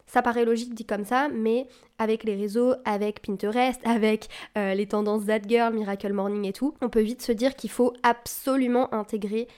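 A young woman talks loosely into a desk microphone for her solo podcast, her voice sitting a little high. She sounds chatty and encouraging, with plenty of fillers and English buzzwords dropped in along the way. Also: fairly even intonation, moderate pace, a little mellow, clear, resonant tone. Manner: self-described anxious, encouraging tone. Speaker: podcast host. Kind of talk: casual solo podcast chat. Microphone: desk mic on a boom arm.

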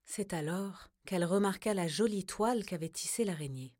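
A woman narrating a children's story in a calm, gentle way. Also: fairly low pitch, normal speed, no echo, studio quality.

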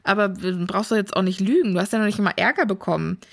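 A woman's voice: medium pitch, fast talker, gravelly, pitched below the performer's own voice. A woman voicing a sulky, sarcastic teenage boy in an offhand, muttering way.

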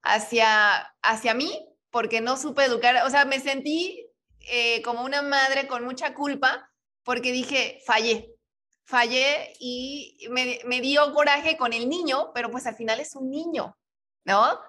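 Mom co-host, bright and fairly high, animated confessional telling. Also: female voice, measured pace. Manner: emotional, animated storytelling. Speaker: co-host, mother. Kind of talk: personal story in casual chat.

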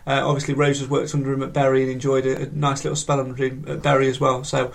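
A man's voice: medium pitch, completely flat delivery, gravelly. Chatty man hosting a fan podcast. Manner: halting, many ums and restarts. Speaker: podcast host reading comments. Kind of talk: casual football fan chat.

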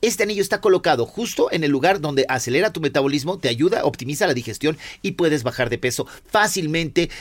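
A man with a Mexican accent giving an emphatic, persuasive radio infomercial pitch, stretching out key words. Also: expressive, brisk, few pauses, no room sound. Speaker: product pitchman.

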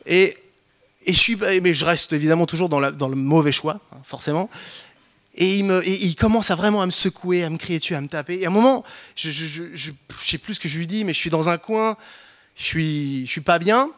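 Guy from france telling a wild story about himself, kinda high voice, slangy, cuts himself off a lot. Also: a little fast. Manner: lively, self-mocking, many restarts and slang. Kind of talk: spoken personal anecdote.

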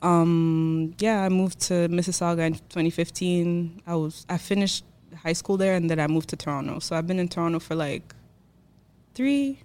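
Blunt young woman, low voice. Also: moderate pace, a little mellow. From Switzerland. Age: 20s. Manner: blunt, outspoken, fillers like "like". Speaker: podcast guest. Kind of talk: casual chat.

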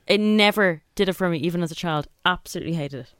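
A woman's voice: on the low side, quick pace, smooth, dry recording, studio quality. A woman with an Irish accent co-hosting casual radio chat. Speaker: radio co-host.

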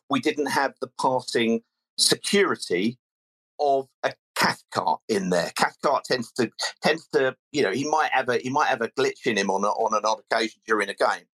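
On a rough recording, a man with a Mid-Surrey southern English accent hosts a casual live football fan phone-in. His medium-pitched, slightly bright voice runs fairly quick, and he hesitates, repeating words mid-sentence while gathering his thoughts.

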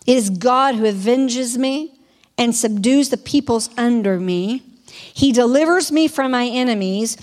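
A woman preacher giving a sermon, reading scripture aloud and then exhorting her listeners in an animated way. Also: on the high side, in a large hall.

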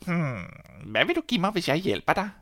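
Tiny crafty imp, high voice, wheedling, dry close storybook read, man acting. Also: sing-song, a bit bright, no echo. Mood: sly. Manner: sly, wheedling questions. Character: tiny crafty male imp who spins gold.

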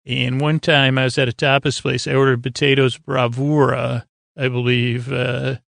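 Speaking in a creaky, mid-range voice with a level tone, a male podcast host rambles through bedtime talk designed to send listeners to sleep. He halts, meanders, jokes gently, repeats, and trails into wordplay, all on a dry, studio-quality recording.

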